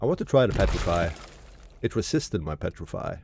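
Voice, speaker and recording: Deep gravelly man streaming a game. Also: big pitch swings, fairly quick, background noise. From Norway. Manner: reads game text aloud, muses to chat. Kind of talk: casual live gameplay commentary.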